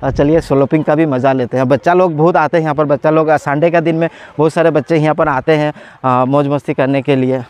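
A man in his forties with a fairly high, smooth voice vlogs from an outdoor water park, holding his phone out at arm's length to film himself. He has a cold but stays chatty and excited, laughing often and filling the gaps with lots of pauses.

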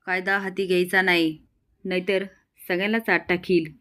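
A woman voicing a stern male village police inspector who barks orders, in a low voice and in a recap of a village TV drama. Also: level tone, normal speed, fairly bright tone, close to an everyday voice. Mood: commanding. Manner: barking orders.

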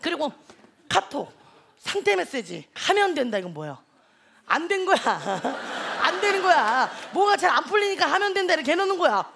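Playing a brash young female online-lecture teacher in a TV sketch, this male comedian uses a full character voice that is extremely high, gravelly, and very animated, delivered at a normal speed. He brags loudly and teases the audience as the studio crowd laughs.

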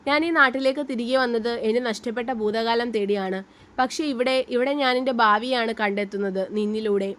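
A woman's voice: a little high, steady tone, fairly quick, a bit bright, close to an everyday voice. Woman reading as an earnest young man in love. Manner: heartfelt, pleading.

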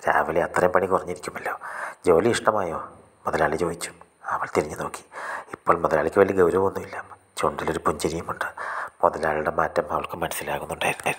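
A man reading a scripted short story in a soft, hushed, intimate way. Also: very deep voice, fairly even intonation, quick pace, slightly rough.

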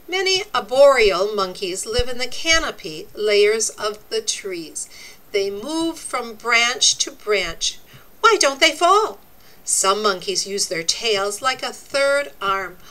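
A woman with a fairly high voice reads a nonfiction book aloud for young children, using deliberate, expressive, teacherly phrasing and explanatory asides. The recording quality is low.

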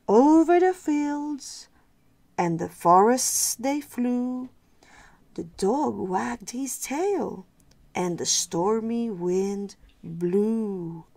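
A woman reading a rhyming picture book aloud for children, expressive and sing-song. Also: fairly high pitch, extremely slow. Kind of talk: storybook read-aloud for kids.

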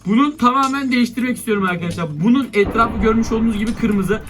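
A young man with a Turkish accent giving excitable Minecraft let's-play commentary, breaking into exasperated outbursts at attacking monsters. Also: extremely high pitch, quick pace, background noise. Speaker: gaming YouTuber.

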